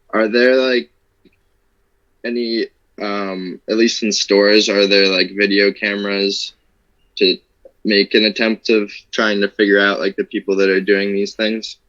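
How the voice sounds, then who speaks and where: A very deep, monotone man with a bright, forward tone rambles casually, filling his sentences with "like" and "um". His voice comes through muffled, lo-fi video-call audio. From suburb near Philadelphia, United States. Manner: relaxed, rambling, with frequent "like" and "um". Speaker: university student in an online discussion. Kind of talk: casual discussion.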